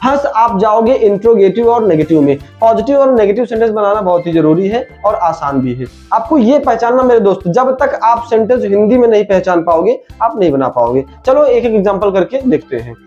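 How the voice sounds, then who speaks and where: A man's voice: high voice, lively intonation, fairly quick, few pauses, a little mellow. A man teaching an online English grammar lesson, repeating each rule and calling the listener his friend. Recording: dull lo-fi sound with faint music.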